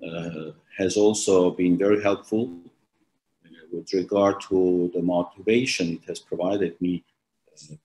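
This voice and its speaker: Deep-voiced man with halting, hesitant delivery. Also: darkish tone, low-quality recording. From Armenia. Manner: hesitant, halting, many restarts and ums. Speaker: author presenting his book. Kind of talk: formal presentation with frequent fillers. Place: small office with plain wall. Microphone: laptop webcam on a video call.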